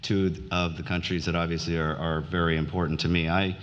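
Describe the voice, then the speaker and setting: A middle-aged man giving a conference speech, halting with many fillers and restarts. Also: deep voice, level tone. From United States (grew up in New Orleans). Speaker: conference speaker. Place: conference hall. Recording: dull reverberant hall.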